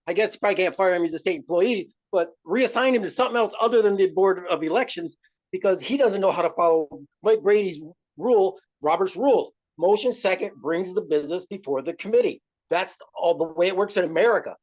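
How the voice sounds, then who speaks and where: Angry man on a patchy remote call. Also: high-pitched. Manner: angry, accusatory, rapid-fire complaints. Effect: muffled remote call line that cuts in and out. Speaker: public commenter calling in remotely. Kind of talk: public comment at a board meeting. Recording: dull lo-fi call audio.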